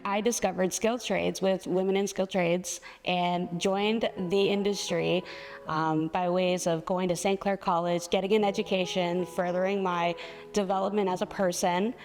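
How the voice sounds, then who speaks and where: A woman's voice: mid-range voice, darkish tone. A woman speaking fluently and composedly as a trades apprentice giving a testimonial. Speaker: millwright apprentice. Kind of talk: personal testimonial. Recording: long reverb.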